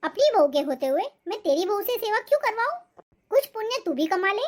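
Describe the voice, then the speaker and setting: A woman voicing a nagging, demanding old grandmother who scolds in shrill complaints, for a cartoon. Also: big pitch swings, a little fast. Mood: scolding. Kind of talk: cartoon voice acting.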